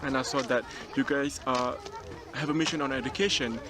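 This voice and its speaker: A young man recording a casual video cover letter outdoors on a mountain top, relaxed and chatty, with frequent ums and restarts. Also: mid-range voice, brisk, over a noisy crowd. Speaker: job applicant. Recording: outdoor recording with clear background noise.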